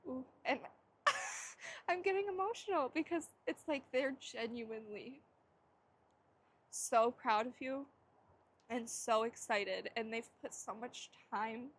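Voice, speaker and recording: A woman's voice: a little high, fairly bright tone. Chatty woman giving a rambling tarot reading. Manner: rambling, searching for words, laughing often. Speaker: tarot reader. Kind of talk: casual intuitive tarot reading.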